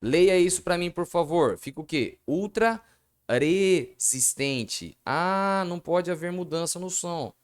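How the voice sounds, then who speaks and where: A man's voice: sits high, moderate pace, few pauses, clear, resonant tone. A man with a Brazilian Portuguese accent teaching a video lesson that goes through exam questions. He chats with the viewers and keeps asking himself questions, then answering them. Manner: chatty, addresses viewers as "gente".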